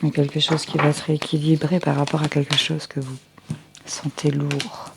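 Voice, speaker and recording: Low, flat-voiced woman reading tarot. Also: vocal fry, heavy background noise. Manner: unhurried, hesitant, frequent fillers and restarts. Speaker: tarot card reader. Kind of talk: general tarot reading for viewers. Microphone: headset with a close mic.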